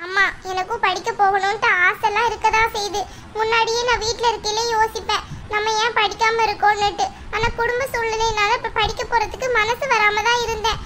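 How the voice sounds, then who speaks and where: A woman's voice: very high voice, level tone, fairly quick, background noise. A woman voicing a proud young divorced daughter who speaks firmly and reassures her mother, in a cartoon. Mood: wistful. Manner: firm, reassuring. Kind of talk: cartoon voice acting.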